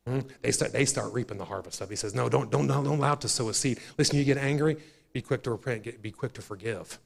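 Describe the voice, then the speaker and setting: A man preaching a sermon to his church, folksy and repetitive, calling out to the congregation and building to loud, emphatic climaxes. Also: mid-range voice, fast, gravelly. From United States. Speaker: pastor. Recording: long hall reverb of a church.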